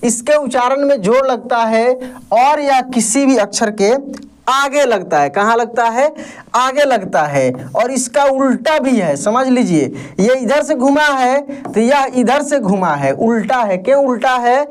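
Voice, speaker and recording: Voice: mid-range voice, expressive, a little slow. A teacher, giving a beginner lesson, who asks the class questions and answers them, and drills letter sounds over and over. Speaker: Hindi reading teacher.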